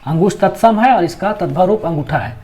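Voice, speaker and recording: A man with a fairly high voice teaches a grammar lesson. He explains each step, comes back to each point, and poses questions that he then answers. He draws out letters and sample words slowly to show how they should sound. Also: lively intonation, a little mellow.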